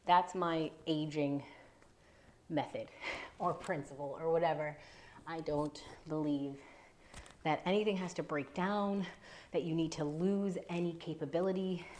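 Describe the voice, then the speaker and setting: A woman in her thirties guiding a relaxed mobility flow, talking softly and breathily with many half-whispered cues. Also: low voice, a little slow, a little hiss or hum. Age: 30s. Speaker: yoga instructor.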